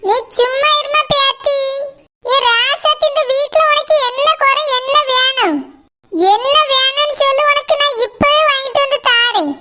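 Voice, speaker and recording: A woman's voice: extremely high pitch, unhurried, bright, forceful tone, full character voice. A woman voicing a firm, kindly old grandmother who scolds and protects in a cartoon. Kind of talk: cartoon voice acting.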